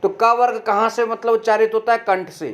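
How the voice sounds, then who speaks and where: A man with a high-pitched voice teaches an online grammar lesson. He asks questions and then answers them himself. He drags out each letter sound slowly and clearly to show how it is made. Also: flat delivery. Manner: explains step by step, asks and answers his own questions.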